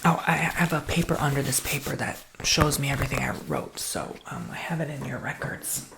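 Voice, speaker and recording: In an ASMR roleplay, a woman plays a soft-spoken salesperson, reassuringly guiding a customer along. Her low, breathy whisper carries very heavy vocal fry and moves a little fast. The background is noisy.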